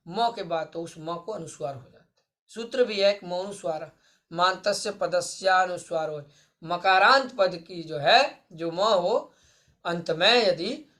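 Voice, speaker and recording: A man's voice: sits high, a bit bright. A male Sanskrit teacher speaking in an online lesson. He explains each point, asks the class a question and answers it himself, and calls his listeners friends. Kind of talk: online exam-prep lesson.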